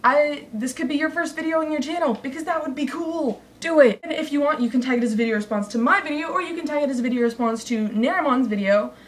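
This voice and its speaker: A young woman gushing excitedly to camera in a survey vlog, heard a little away from the mic. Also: sits high, quick pace, hardly any pauses, recorded from a distance. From United States. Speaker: YouTuber.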